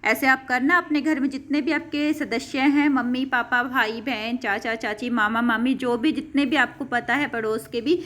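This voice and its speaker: A young woman teaches a class of children in a patient, repetitive way, saying each word slowly and calling the students "beta". Her voice sits high and carries clearly. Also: steady tone, a bit bright. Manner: patient, repeats words and calls students beta. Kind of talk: Sanskrit lesson for children.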